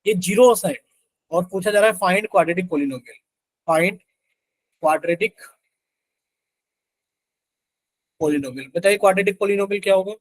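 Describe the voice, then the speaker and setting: A fairly quick, high-sitting male voice belongs to a young man running a live online math class. Questions to students come nonstop, and he speaks their answers for them, phrasing them as "sir."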